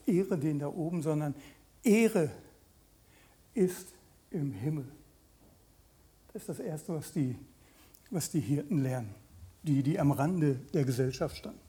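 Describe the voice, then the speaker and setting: A man in his late fifties delivers a conversational sermon, breaking off mid-sentence to ask his listeners questions directly. His voice sits fairly high and sounds animated and mellow.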